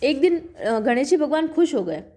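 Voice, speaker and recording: Lady telling old devotional stories, high voice, simple homely way. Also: very animated, normal speed, a little mellow. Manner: plain, homely storytelling tone. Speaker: storyteller. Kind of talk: devotional folk tale narration.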